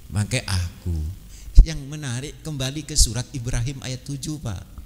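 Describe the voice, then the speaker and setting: A man's voice: medium pitch, steady tone, normal speed, long reverb tail, a little hiss or hum. A man with a Javanese accent giving a conversational mosque sermon, often addressing listeners as "Pak" and chanting verses. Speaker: preacher.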